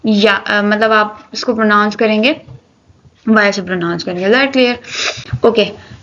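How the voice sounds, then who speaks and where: A woman teaching English articles, reading example sentences slowly and explaining them briskly while checking that students follow. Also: mid-range voice, steady tone, a bit bright, slight background noise. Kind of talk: grammar lesson explaining articles. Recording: dull lo-fi recording.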